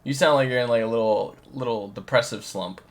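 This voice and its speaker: A man's voice: medium pitch, a little fast. A young man co-hosting a podcast, talking loosely in casual chat, swearing freely and laughing often. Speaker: podcast co-host.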